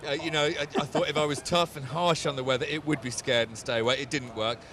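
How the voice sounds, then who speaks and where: A man's voice: a little high, fairly even intonation, fast talker, sharp tone. An English man giving wry, self-mocking cricket analysis on a panel at a ground. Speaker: cricket pundit. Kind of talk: joking cricket panel chat.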